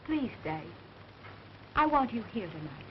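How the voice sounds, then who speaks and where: An actress playing a frightened, pleading young heiress in early 1930s melodramatic film style, on a muffled, noisy old soundtrack. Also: female voice, fairly high pitch, very animated, unhurried. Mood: anxious pleading.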